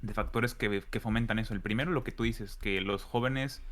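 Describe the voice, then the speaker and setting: A man with a Mexican accent, co-hosting a casual podcast and telling relaxed stories with colloquial asides. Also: lowish voice, brisk. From central Mexico. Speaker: podcast co-host. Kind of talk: casual chat.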